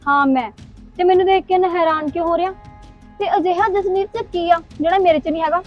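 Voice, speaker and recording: A woman's voice: extremely high pitch, fast, dull audio, faint music behind. A woman acting in a short drama, emotional and accusing. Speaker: actress in a short Punjabi drama. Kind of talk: amateur short-film acting.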